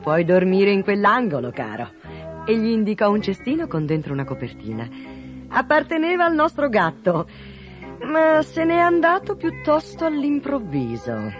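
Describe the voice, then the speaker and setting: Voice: medium pitch, huge pitch swings, normal speed, faint music behind, voice pushed up. A storyteller voicing a kindly, fond woman cook in a storybook reading. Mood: gentle.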